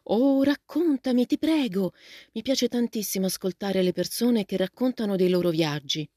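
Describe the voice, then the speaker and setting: A woman voicing a lively, outspoken teenage girl in a storybook reading, asking eager, gushing questions. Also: mid-range voice, fairly quick, no room sound, studio quality, lightly acted. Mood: excited.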